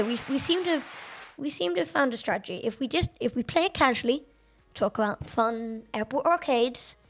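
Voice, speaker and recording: A woman streamer chatting through a racing game, excitable and quick to laugh at her own mistakes. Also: a little high. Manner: chatty, excitable and self-deprecating. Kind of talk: live-stream gameplay commentary.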